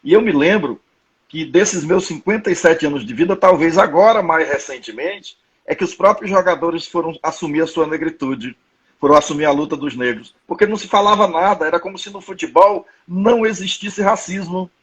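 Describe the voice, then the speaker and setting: Fifties Brazilian male host, chatty and anecdotal, slightly husky, fairly high voice. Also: brisk, fairly bright tone, poor audio. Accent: Brazilian Portuguese. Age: 50s. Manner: conversational, anecdotal, restarts often. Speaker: live-stream host. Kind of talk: live-stream discussion.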